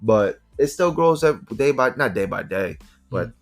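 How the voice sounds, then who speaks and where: A man's voice: mid-range voice, lively intonation, measured pace, soft background music. A young man from Philadelphia hosting a casual sneaker podcast, telling stories animatedly and swearing freely. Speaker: podcast host. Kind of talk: casual chat.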